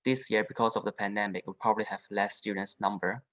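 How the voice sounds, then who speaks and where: A young man from southern China, a native Chinese speaker, giving a halting panel talk as an international student, with frequent restarts and fillers. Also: fairly low pitch, fairly even intonation, fairly bright tone, low-quality recording. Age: young adult. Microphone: video call.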